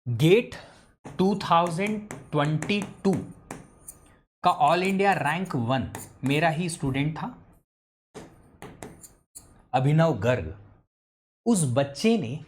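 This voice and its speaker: एक पुरुष शिक्षक लाइव ऑनलाइन कक्षा में पढ़ा रहा है, छात्रों से बार-बार सवाल पूछता है और हिंदी में अंग्रेज़ी मिलाकर बोलता है।. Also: male voice, a little high, lively intonation, slow pace, long pauses. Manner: quizzes students, mixes English into Hindi. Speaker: teacher. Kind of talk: live online lecture.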